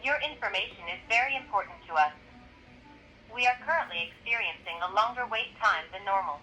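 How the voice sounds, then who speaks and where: A woman delivers a recorded phone menu in a formal, measured way. Her voice is bright and crisply enunciated. It comes through a telephone line with some noise behind it. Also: mid-range voice, lively intonation. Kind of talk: scripted automated phone menu announcement.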